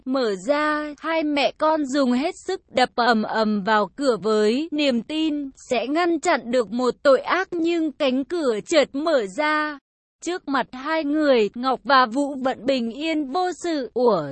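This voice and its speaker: Woman storyteller reading a story aloud; high, unhurried, dry close sound. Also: no room sound.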